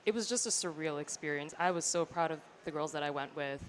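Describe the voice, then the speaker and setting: Hoarse teen girl, low voice. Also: fast talker. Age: teens. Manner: casual, lots of "like". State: hoarse from lost voice. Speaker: guest athlete.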